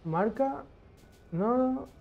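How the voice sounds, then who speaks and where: A young man giving casual gameplay commentary, excitable, swearing often and talking to himself as he plays. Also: very high-pitched, extremely slow, creaky, narrow, tinny audio, faint music behind. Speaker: gaming streamer.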